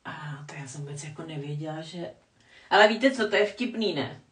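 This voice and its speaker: A woman's voice: sits low, expressive, distant mic. Rambling older woman in an echoey room. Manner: chatty, rambling, self-mocking, with bursts of laughter. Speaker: vlogger reading live chat. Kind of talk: casual live-stream chat while doing makeup. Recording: echoey room, voice a bit off-mic.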